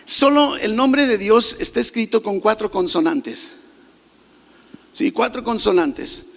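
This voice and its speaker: High-voiced, gravelly pastor preaching. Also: male voice, animated, slow, a bit bright, in a large hall. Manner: emphatic, questioning the congregation. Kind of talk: sermon. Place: church.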